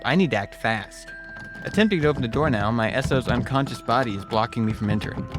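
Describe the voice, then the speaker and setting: A man reading a scripted first-person horror story as its narrator. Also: medium pitch. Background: music.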